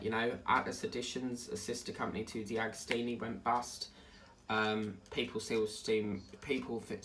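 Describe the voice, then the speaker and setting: This crafting channel host has a lowish, sharp-toned voice, captured in a low-quality recording. Speaking with an Essex accent touched by South African, he chats digressively about his day at his craft table, humming and singing along the way.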